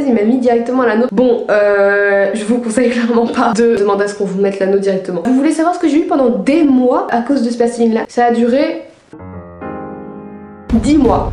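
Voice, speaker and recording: Young female vlogger, higher-pitched voice, casual slangy storytelling, noticeably roomy sound with music behind. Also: warm tone. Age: young adult. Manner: informal, slangy speech with swearing and English slang. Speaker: video creator and host. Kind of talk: casual chatty anecdote vlog.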